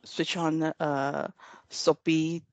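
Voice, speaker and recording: A woman co-hosting a casual chat, expressive and quick to laugh. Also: low voice, dry recording. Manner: expressive, laughs, mimics her husband.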